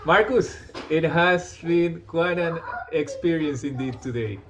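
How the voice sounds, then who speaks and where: Halting male host, faint home noise. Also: on the high side. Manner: halting, restarts often, warm praise. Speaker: podcast host. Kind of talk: interview hosting. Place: home with family nearby. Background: faint household sounds.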